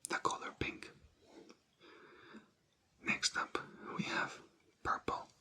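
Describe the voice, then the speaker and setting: A language teacher gives an ASMR vocabulary lesson in a breathy whisper, repeating each word and spelling it out letter by letter. The delivery is slow, bright and forceful.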